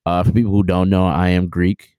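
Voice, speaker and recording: A young man with a very deep voice talks through a casual interview, recorded dry and close. He rambles in a relaxed, slangy way, full of fillers and restarts. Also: a little fast, clean tone, no echo. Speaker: podcast guest.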